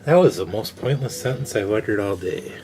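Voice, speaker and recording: A man's voice: fairly low pitch, lively intonation, fairly quick, warm tone, a little hiss or hum. A man casually narrating an electronics repair in a wry, self-mocking way. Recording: background music under voice.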